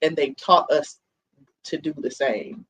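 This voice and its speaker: Reflective and earnest, this podcast host in his thirties often asks "you know what I mean?" during a casual chat. His voice sits on the high side, fairly bright, with big pitch swings and a slightly slow pace. The recording is rough, with a little hiss or hum.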